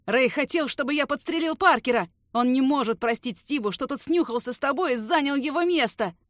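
A woman's voice: sits high, a little fast, dry recording, clean studio sound, pitched above the performer's own voice, natural voice. A woman voicing a cowardly young man who wails and pleads through tears. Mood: sobbing. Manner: wailing, pleading, crying.

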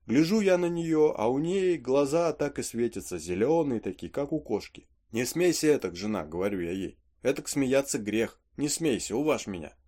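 In this audiobook reading of a play, a man voices a superstitious peasant servant telling a folksy yarn full of asides in a chatty way. His natural, mellow mid-range voice is expressive and moves at a moderate pace with hardly any pauses.

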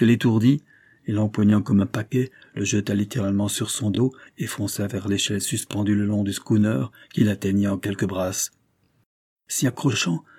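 A man narrating an adventure novel in a steady, measured storytelling voice. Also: lowish voice, husky. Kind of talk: scripted audiobook narration.

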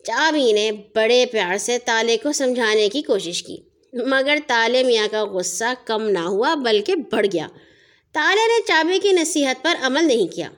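A woman narrating a children's audio story in a calm, measured reading voice. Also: fairly high pitch.

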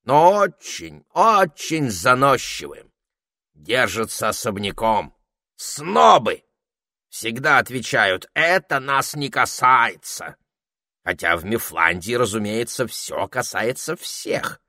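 A man's voice: medium pitch, sing-song, takes it slowly, sharp tone, no room sound, studio quality, voice pushed up, full character voice. Man voicing a bossy, fussy magic parrot. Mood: indignant. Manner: theatrical, indignant outbursts. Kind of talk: audiobook character voice.

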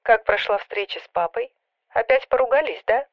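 A woman reading an audiobook voices the heroine's anxious sister, soft, coaxing and a little whiny. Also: a little high, normal speed, no room sound, dull audio, close to an everyday voice. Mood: pleading. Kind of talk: audiobook character voice.

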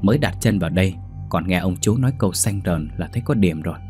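A frightened young woman recounts a ghost sighting in a tumbling rush, her voice jumping up into alarmed cries, as a man reading a storybook puts her on. Soft music sits faintly underneath. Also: low voice, expressive, fast. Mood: insistent.

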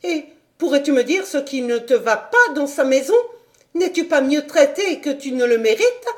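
A woman voicing a strict, indignant governess in an audiobook, scolding in sharp questions. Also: sits high, animated, moderate pace, pitched above the performer's own voice. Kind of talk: audiobook character voice.

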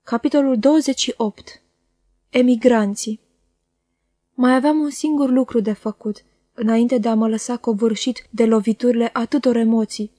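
Woman narrating a classic novel, mellow tone. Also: fairly high pitch, no echo, clean studio sound. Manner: measured, expressive reading. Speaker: audiobook reader. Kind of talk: literary audiobook narration.

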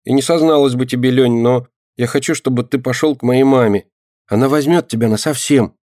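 A man's voice: a little fast, a little mellow, no echo, lightly acted. A small, stubborn little girl who tears up easily, voiced by a man reading aloud. She talks in a voice raised well above his own, pleading and hurt. The recording is close and dry. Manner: pleading, tearful, raised higher voice. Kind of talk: audiobook reading.

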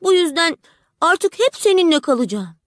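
A woman's voice: extremely high pitch, sing-song, normal speed, dry recording, clean studio sound, voice pushed up. A woman voicing a small, tender-hearted swallow in an audiobook, speaking in an earnest, pleading way. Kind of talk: audiobook character voice.

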